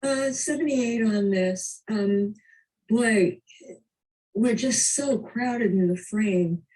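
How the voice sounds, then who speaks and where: A woman critiquing photographs as a competition judge, thoughtful and hesitant with frequent pauses. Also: medium pitch, a little mellow. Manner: hesitant, thoughtful, with many ums. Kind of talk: spoken critique. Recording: distant mic.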